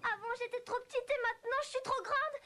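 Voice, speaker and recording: Very high, girlish Alice. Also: fairly even intonation, quick pace. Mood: distressed. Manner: exclaiming, thinking aloud to herself. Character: curious, dreamy, excitable little girl, Alice. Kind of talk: French-dubbed children's cartoon acting. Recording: music under the voice.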